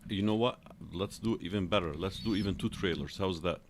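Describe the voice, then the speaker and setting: Deep-voiced man from Lebanon, earnest and halting. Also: background noise. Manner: earnest, halting, repeats words. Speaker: guest. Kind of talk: casual talk show interview.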